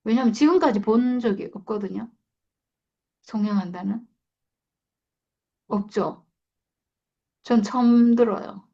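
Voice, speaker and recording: A woman's voice: a little high, a little slow, pauses often, mellow. A woman leading a Bible study, reading verses and explaining them in a reflective, repeating way. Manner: reflective, repeats and stresses points. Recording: slightly dull lo-fi sound.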